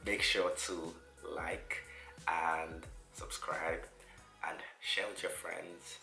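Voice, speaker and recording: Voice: deep voice, flat delivery, extremely slow, bright, forceful tone. A young adult vlogger chatting casually and informally, with a congested, nasal voice from a bad cold, as if holding their nose. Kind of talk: casual solo vlog chat. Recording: roomy echo with music behind.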